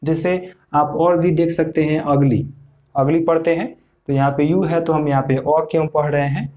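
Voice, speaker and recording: Guy teaching a pronunciation lesson, kinda high voice, patient, says stuff twice. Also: fairly even intonation, a little mellow. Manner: patient, repeats points slowly for learners. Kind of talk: explaining English pronunciation lesson.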